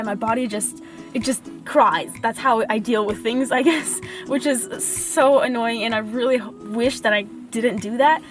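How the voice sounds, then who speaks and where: Chatty young woman vlogging from her car. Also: fairly high pitch. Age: young adult. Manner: chatty and confiding, drops to a whisper when nervous. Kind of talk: casual storytime vlog. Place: parked car. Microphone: camera mounted close in car.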